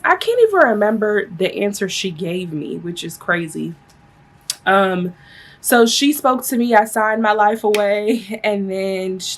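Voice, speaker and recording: A woman's voice: medium pitch, a bit bright. A woman of around thirty telling a personal story casually to her viewers in a chatty, conversational way. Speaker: vlogger.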